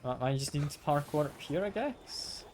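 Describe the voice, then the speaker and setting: A man giving casual, unhurried video game commentary, often muttering questions to himself as he plays. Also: a little high, little pitch movement, noisy background. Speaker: video game streamer narrating own play.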